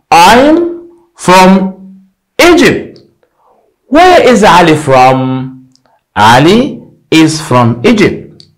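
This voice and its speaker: A young man teaching an English lesson at a whiteboard, repeating drill phrases slowly and emphatically, on a lapel mic. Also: high voice, rough recording. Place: indoor studio in front of a whiteboard.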